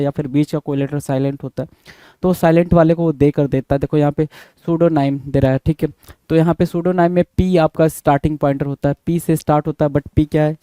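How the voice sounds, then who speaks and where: Indian guy going over spelling answers, kinda high voice but dark and mellow, dry close mic, spells stuff letter by letter. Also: no echo. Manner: casual, repeats words and spells them out letter by letter, says "bhai" often. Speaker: English teacher.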